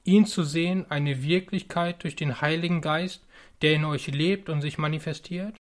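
A man's voice: on the high side, fairly even intonation, moderate pace. A male preacher delivering an earnest sermon with warnings to his listeners.

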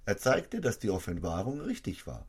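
A male preacher giving an emphatic sermon, his voice climbing sharply in pitch and loudness to drive points home. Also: wildly swooping pitch, moderate pace, husky.

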